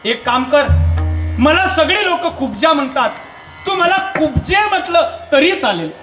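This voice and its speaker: A man's voice: extremely high pitch, big pitch swings, a little slow, pushed and bright, voice pushed up, exaggerated voice. A man playing a crooked, poor woman who scolds and pleads, inside a devotional storytelling sermon. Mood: wary. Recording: echoey hall with music behind.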